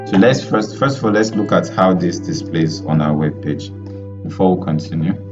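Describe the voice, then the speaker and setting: A male web development instructor teaching a live online lesson over a group voice call, talking in a halting way with many fillers and restarts. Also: sits low, lo-fi sound, over music. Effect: heard over an online group voice call.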